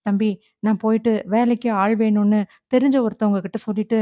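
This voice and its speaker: A woman's voice: medium pitch, steady tone, fairly quick, mellow, no room sound, muffled recording, lightly acted. Woman reading as humble male servant. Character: loyal male house servant, eager and humble. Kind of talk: audiobook character voice.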